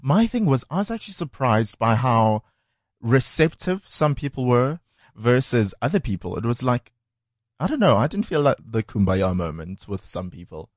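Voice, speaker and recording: A South African man co-hosting a radio show, telling a story in a casual, animated way. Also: medium pitch, moderate pace, no echo, lo-fi sound. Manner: animated storyteller who acts out what others said. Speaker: radio co-host.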